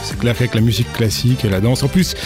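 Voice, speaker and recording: Speaking fast in a medium pitch, a male festival organizer chats loosely on a radio show. His talk wanders, breaks into laughter, and restarts often, with a studio music bed running under his voice.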